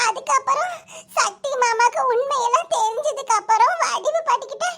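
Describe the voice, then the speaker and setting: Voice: slow, bright, forceful tone, full character voice. A voice actor playing a younger sister in a cartoon, tearful and pleading, with a Kanyakumari Tamil accent. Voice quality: high, pitched-up cartoon voice. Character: younger sister comforting her older sister. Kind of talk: cartoon voice acting.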